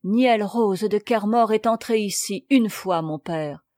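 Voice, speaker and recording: Woman reader voicing a proud young heroine, steady and firm; slow, dry storybook read. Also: mid-range voice, no room sound, close to an everyday voice. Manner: calm and firm.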